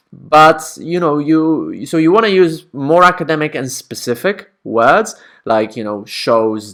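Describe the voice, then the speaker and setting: A man's voice: medium pitch, fairly bright tone. Man casually explaining academic writing. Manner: conversational, checks in with frequent "right?".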